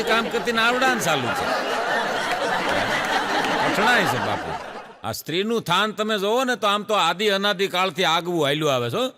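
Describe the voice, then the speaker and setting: A man telling jokes as a stand-up comedian, animated and storytelling. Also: sits high, long reverb tail. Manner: animated joke-telling with audience laughter. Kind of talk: Gujarati folk comedy storytelling.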